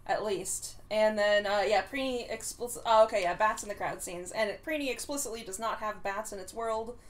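A woman chatting casually on a stream, adding quick details and agreeing with her co-host. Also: mid-range voice. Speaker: comic creator co-hosting a stream. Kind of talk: casual chat.

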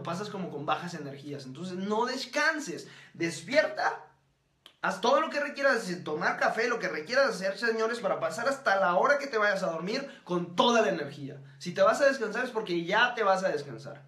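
A man's voice: high-pitched, fairly bright tone, echoey room. A man giving a live motivational talk, emphatic and preachy, speaking straight to his listeners and answering their comments.

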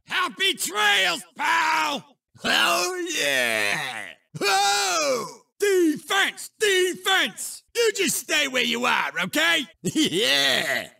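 A big, obnoxious cartoon mime bruiser from a racing game. The voice is extremely high and forceful, with a thick gravelly rasp. He is cocky and taunting, swooping wildly through every line. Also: huge pitch swings, drawn-out words, far from the mic, heavily acted. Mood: excited yelling. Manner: boisterous, taunting. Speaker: video game racer character. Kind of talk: exaggerated cartoon game voice clips.

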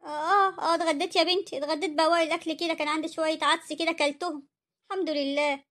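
A woman voicing a poor, gentle older mother-in-law in an Egyptian cartoon story, pleading and self-effacing, with an Egyptian accent. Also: very high-pitched, steady tone, rapid-fire.

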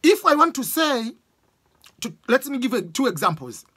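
Speaking at a normal speed in an extremely high, slightly breathy voice, this Tanzanian education vlogger in his forties offers casual exam tips with a Tanzanian accent. He's animated, gestures a lot and uses sports examples. The close-up, webcam-style camera shows a small indoor room lined with bookshelves.

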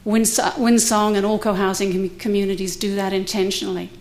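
In a prepared talk at a university conference, a middle-aged woman on the panel, who lives in cohousing, speaks from a podium microphone in a lecture room. Her medium-pitched voice is level, brisk and darkish in tone, and her manner is candid with light humor.

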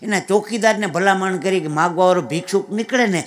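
A man telling comic folk stories on stage, lively and chatty, with asides to the audience. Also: high voice, brisk. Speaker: folk comedian. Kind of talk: live dayro comic storytelling. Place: live stage event with an audience.

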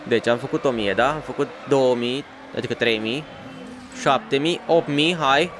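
A man playing a racing game for his channel, chatting in slangy, excitable bursts to himself and his viewers. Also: medium pitch, noisy background. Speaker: gaming YouTuber. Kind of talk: let's play commentary.

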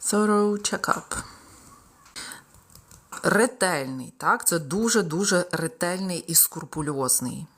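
A young woman with a Ukrainian accent, a tutor running a live exam-prep lesson, mixing Ukrainian explanations with English example sentences she reads out slowly. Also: lowish voice, expressive, slightly rough.

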